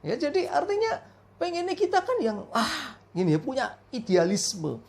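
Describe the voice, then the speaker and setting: A woman's voice: high-pitched, big pitch swings, moderate pace, darkish tone. A woman preaching a family worship sermon, telling stories with frequent fillers.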